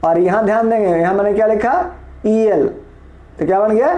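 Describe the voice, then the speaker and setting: A man's voice: sits high, fairly quick, dark tone, reverberant. A male teacher from Bihar giving a patient, explanatory vocabulary lesson, spelling words letter by letter and asking the class questions. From Bihar, India.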